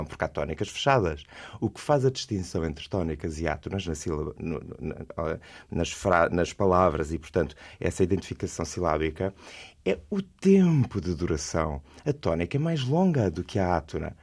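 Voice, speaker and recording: A man's voice: low-pitched, very animated, a little fast, a little mellow. A man with a European Portuguese accent, a speech trainer explaining as a guest, who stresses key words with sudden rises. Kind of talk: explanatory interview talk.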